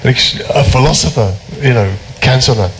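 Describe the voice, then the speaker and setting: Animated British man telling stories. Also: mid-range voice, unhurried, a little hiss or hum, low-quality recording. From Britain. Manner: animated, lively storytelling with frequent fillers and restarts. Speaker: guest philosopher. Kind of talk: conversational public talk.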